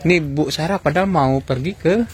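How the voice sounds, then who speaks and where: Higher-pitched Indonesian man interviewing casually. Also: moderate pace, a little hiss or hum. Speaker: interviewer, YouTuber.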